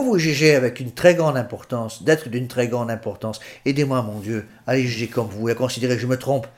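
A man's voice: mid-range voice, darkish tone. A man, a priest preaching a sermon in an earnest way, often repeating and restarting his phrases.

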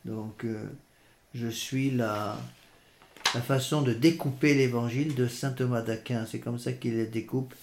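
A man preaching a sermon in French and reading scripture aloud, measured and hesitant, pausing on fillers. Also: medium pitch, fairly even intonation, background noise. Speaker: priest. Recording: echoey room.

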